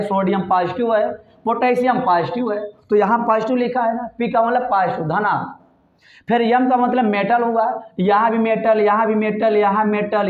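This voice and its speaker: High-voiced teacher quizzing his class. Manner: quizzing, asks questions and answers them himself. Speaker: chemistry teacher. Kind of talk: classroom lecture. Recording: echoey room over a tinny phone-like mic.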